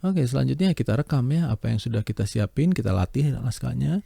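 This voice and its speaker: A man lecturing on how to read a script aloud, explaining each element and pausing to demonstrate it with his voice. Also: lively intonation, gravelly, warm tone, breathy edge, no echo, clean studio sound. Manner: demonstrates pitch, pace and voice color by example. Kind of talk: lecture on script reading, with vocal demos.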